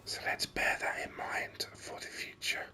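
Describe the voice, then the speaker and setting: Breathy, whispered ASMR commentary from a gaming host who muses hesitantly and without hurry, right up against the mic. Their tone is bright and forceful.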